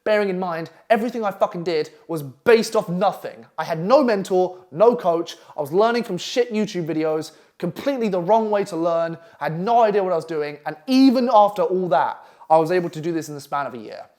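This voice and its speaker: Speaking quickly with an Essex English accent, this man has a high, animated voice with a darkish tone. He's a brash, profane, pushy copywriting coach from England, presenting an online masterclass from a London flat.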